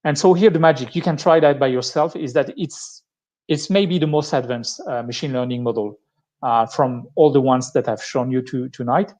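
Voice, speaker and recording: A man's voice: mid-range voice, a little mellow. French-accented man explaining a tech demo. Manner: explanatory, thinking aloud with many pauses. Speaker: tech speaker giving a live demo. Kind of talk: live-streamed tech presentation.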